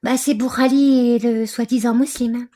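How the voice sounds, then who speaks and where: A woman's voice: on the high side, steady tone, normal speed, mellow. A woman from Algeria giving angry, scornful reaction commentary on a video, with frequent hesitations. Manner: scornful, insulting, hesitant with many fillers.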